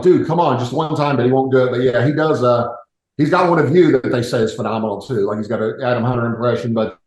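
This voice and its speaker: A man who talks fast and rambles, doubling back over his words in casual podcast chat. His voice comes through with a noticeable roomy echo, and his pitch is average for a man. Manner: rambling, many fillers and restarts.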